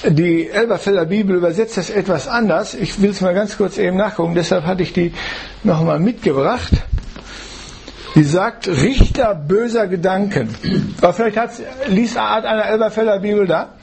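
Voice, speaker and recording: A man's voice: high-pitched, normal speed, gravelly, darkish tone, slight background noise. A man preaching a sermon in a church, reading Bible verses and explaining them with rhetorical questions.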